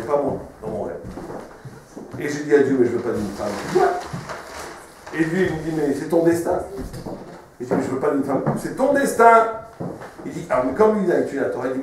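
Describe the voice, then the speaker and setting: A man, a rabbi, telling stories in a sermon, an expressive storyteller who repeats his words. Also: on the high side, noisy background. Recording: very echoey room, mic far off.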